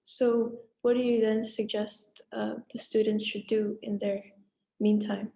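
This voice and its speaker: Young woman interviewer, flat and mellow. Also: medium pitch, gravelly. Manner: halting, many "uh" pauses. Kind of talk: interview questions.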